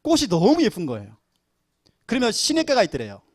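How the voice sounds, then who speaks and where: Middle-aged pastor guy preaching, pitch jumping all over, dry close sound. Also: a little fast, no room sound. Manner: animated storytelling, acting out quoted voices. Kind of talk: sermon.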